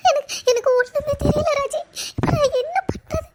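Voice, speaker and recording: A woman's voice: extremely high pitch, fairly even intonation, normal speed, a little mellow, a little hiss or hum. A woman voicing a flustered young woman in a cartoon drama, stammering and pleading through tears. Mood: tearful.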